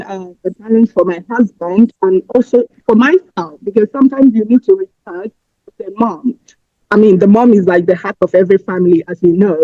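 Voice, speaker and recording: Speaking with a mid-range voice, a woman from Nigeria rambles through casual answers as a podcast guest, using fillers and restarting her sentences. The recording is dry, slightly muffled, and has no room sound.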